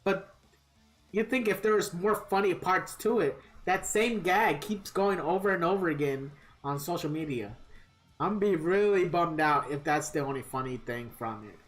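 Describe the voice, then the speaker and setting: Low-voiced woman streamer, kvetching casually. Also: moderate pace. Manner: kvetching, grumbling complaints; swears freely and casually. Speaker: game live streamer. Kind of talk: casual livestream chat with viewers. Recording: guitar music behind the voice. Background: plucked guitar music.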